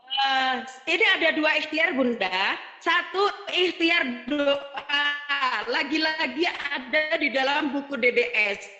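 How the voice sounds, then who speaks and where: A woman religious teacher speaks with a high, bright voice. She drawls key words and then speeds through others, giving her talk a lively swing. Her voice rings with the long reverb of an echoey hall. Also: muffled recording. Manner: lively, switches between slow emphatic and fast bursts. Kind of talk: Islamic study talk.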